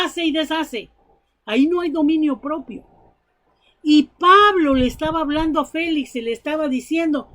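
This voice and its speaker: A woman preacher delivering a sermon, telling Bible stories and her own testimony in an earnest, emphatic way. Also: sits high.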